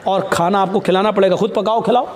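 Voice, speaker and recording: A male Islamic preacher giving a sermon in an animated, humorous storytelling manner. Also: high voice. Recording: echoey room.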